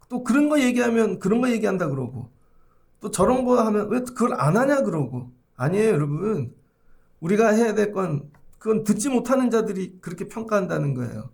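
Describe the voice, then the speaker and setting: Gravelly-voiced male pastor preaching. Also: sits high, darkish tone. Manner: preaching with rhetorical questions to the congregation; acts out prayers and quoted speech in his preaching. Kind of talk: early-morning sermon.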